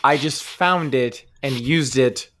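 A man playing in a tabletop game podcast, chatting in an animated way and quick to object. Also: medium pitch. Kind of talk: casual podcast banter.

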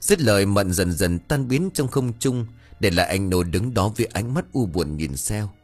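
A man's voice: on the low side, lively intonation, moderate pace. A man narrating a ghost story audiobook with dramatic storytelling. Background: faint music.

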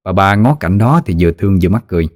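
A man's voice: deep voice, animated, racing, a little mellow, no room sound, clean studio sound. Southern Vietnamese man telling ghost stories. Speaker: storyteller. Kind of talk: ghost story narration.

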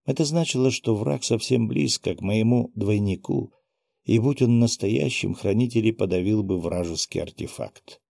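A man narrating a first-person audiobook in a steady, even reading. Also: fairly low pitch, moderate pace, vocal fry, dry recording, studio quality.

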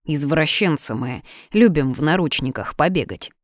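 A woman's voice: deep voice, lively intonation, moderate pace, no room sound, clean studio sound. A woman voicing a cocky young male student who jokes and teases. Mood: joking. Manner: teasing, playful.

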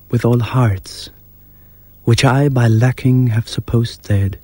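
In a literary radio drama, an actor plays a brooding, tender musician writing to his beloved, delivering a monologue with recited verse. His husky, mellow male voice sits at medium pitch, intimate and measured, sometimes dropping to a whisper, in a reverent mood. The recording is dry.

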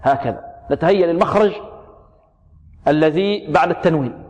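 A man teaching tajweed, repeating words slowly, drilling single sounds, asking and answering his own questions. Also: on the high side, darkish tone. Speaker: Quran recitation teacher. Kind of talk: tajweed lesson on pronunciation. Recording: long hall reverb.

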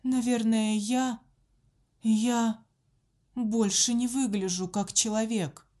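A woman's voice: a little high, fairly even intonation, slow pace, dark tone, voice pushed up. A woman voicing a cursed, skeletal boy prisoner with a quavering, desperate voice. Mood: trembling. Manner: desperate, pleading.

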